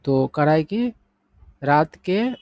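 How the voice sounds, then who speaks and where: A man teaching English vocabulary in Hindi, explaining each word step by step and reading the example sentences slowly. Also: fairly high pitch, dry recording, lo-fi sound. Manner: steady explaining, often adding "thik hai na?".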